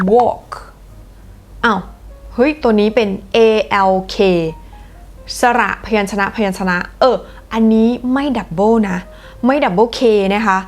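A woman hosting a casual English lesson, switching between Thai and slow, careful English as she explains spelling rules. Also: mid-range voice. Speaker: English teacher.

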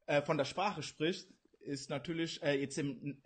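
A man in his twenties from Pakistan, answering interview questions over a video call in an earnest, halting way. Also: a little high, fairly even intonation, husky. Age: 20s. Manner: earnest, halting, frequent fillers. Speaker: interview guest, kickboxer. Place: indoor room, video call.

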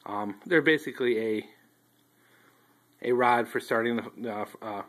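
A man casually reviewing outdoor fire starters, talking in a relaxed, rambling way with many ums and restarts, recorded on a phone he holds while filming a tabletop indoors. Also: mid-range voice, a little slow. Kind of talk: casual show-and-tell review. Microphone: handheld phone filming table close up.

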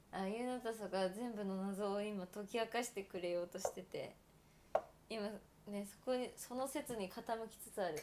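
A woman in her twenties from Toyama, Japan, hosts a casual solo livestream chat in Toyama Japanese, giggling often and filling her talk with fillers. Her voice is mid-range, with a little hiss or hum in the recording.

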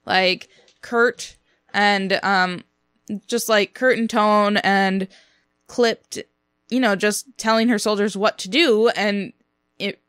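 A woman's voice: medium pitch, steady tone, takes it slowly, fairly bright tone, clean tone, no room sound. Woman, podcast co-host, sardonic, exasperated, dry close sound. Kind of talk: casual review chat.

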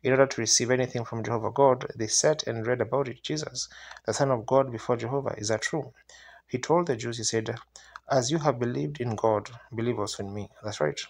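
Male evangelist for revival preaching: husky, creaky voice, earnest address to the congregation. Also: mid-range voice, fairly quick. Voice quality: raspy, gravelly. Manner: earnest, asks listeners rhetorical questions.

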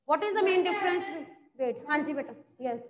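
A woman's voice: high voice, expressive, very fast. A middle-aged woman with a North Indian accent teaching a class in an instructive way, often putting questions to her pupils. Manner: instructive, with frequent questions and check-ins to pupils. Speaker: school social science teacher. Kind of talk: classroom lesson, mixing English and Hindi. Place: indoor classroom at a blackboard.

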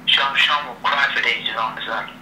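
A young man talks on a speakerphone held up in a room, and the call sounds noisy and echoey. His mid-range voice is steady, fairly quick, pushed and bright. He chats casually in slang, repeating himself and ending lines with "yeah" and "innit".

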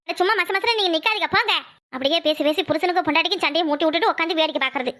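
A woman voicing a flustered, sharp-tongued village mother in a cartoon, with a Tirunelveli Tamil accent, scolding loudly and lamenting theatrically. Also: extremely high pitch, very fast, dry recording, studio quality, pitched below the performer's own voice.

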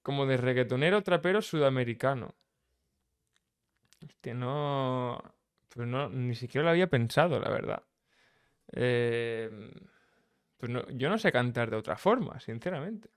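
Young man, relaxed streamer banter, chuckling and self-deprecating, smooth voice, mid pitch. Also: a little slow, pauses often. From Menorca, Spain. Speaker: streamer reacting to a song. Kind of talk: casual live reaction chat.

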